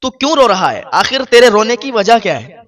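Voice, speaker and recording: A man's voice: high voice, very animated. A man preaching a sermon who voices a kind, wealthy man earnestly consoling a crying stranger. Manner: warm, reassuring, earnest. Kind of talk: sermon storytelling.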